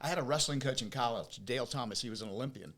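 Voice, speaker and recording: Speaking very fast at a medium pitch with a slightly bright sound, an American man from Oregon, fifty or older, tells his story as a podcast guest. He owns a business, and his new teeth make his s whistle. His delivery is conversational, full of emphatic repetition and rhetorical questions.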